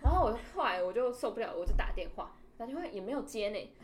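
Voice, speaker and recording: Quick-paced and fairly high in pitch, this podcast co-host launches into a funny story, laughing a lot and performing the lines of dialogue with animation. There's slight background noise.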